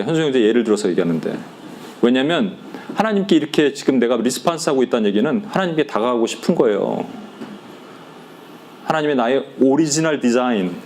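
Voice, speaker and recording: A man preaching a sermon to a small group, animated, acting out quoted complaints and speaking directly to his listeners. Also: medium pitch, slight background noise. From Korea. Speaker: pastor.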